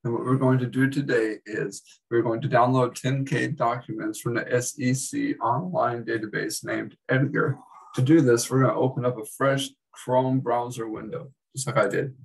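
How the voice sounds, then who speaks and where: A man giving a casual, chatty screen-recorded software tutorial as an instructor, with wry asides. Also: medium pitch, vocal fry, slightly rough, distant mic, low-quality recording.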